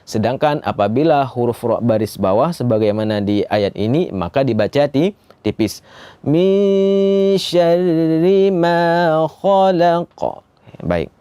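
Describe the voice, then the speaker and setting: A man with an Indonesian accent teaching Quran recitation rules, explaining step by step, posing questions and answering them, and drilling syllables slowly. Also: fairly high pitch, dark tone, no room sound. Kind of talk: tajweed lesson with recited verses.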